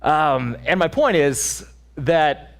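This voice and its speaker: A man's voice: fairly high pitch, lively intonation, slow, vocal fry. A young man, a pastor's son, preaching a casual, joking sermon at a church service, with many fillers and restarts. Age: young adult.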